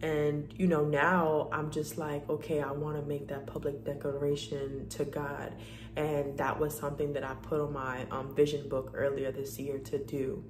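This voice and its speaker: A young woman talks straight to camera in a low, animated, chatty voice as she tells a personal story. She sounds a little sick. The room gives her voice a noticeable echo, with a faint hum of noise behind. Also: moderate pace. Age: young adult. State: slightly sick. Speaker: vlogger. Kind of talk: casual chat. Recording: echoey room.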